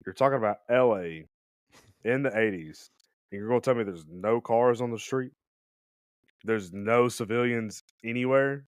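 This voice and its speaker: A man's voice: medium pitch, moderate pace, no room sound, studio quality. A man co-hosting a casual movie podcast, arguing a point incredulously and joking. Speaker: podcast co-host.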